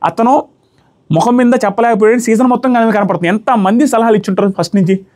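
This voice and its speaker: A man with a high voice talks quickly. He breaks down a reality show in casual commentary, mixing in English phrases as he argues his points. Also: fairly even intonation, a little mellow. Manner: rapid, analytical, mixes in English phrases.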